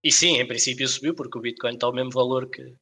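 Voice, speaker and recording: A man's voice: mid-range voice, steady tone, fast talker, bright, forceful tone, husky. A man with a European Portuguese accent chatting casually on a podcast, explaining things in an informal way. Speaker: podcast co-host.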